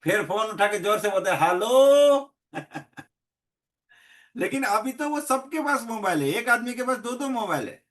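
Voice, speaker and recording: Middle-aged man with a Gujarati accent, trainer type; motivational talk, storytelling, slightly high voice. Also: big pitch swings, brisk, hardly any pauses, bright, forceful tone. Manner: storytelling, acts out dialogues in many voices. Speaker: network marketing trainer. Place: meeting hall.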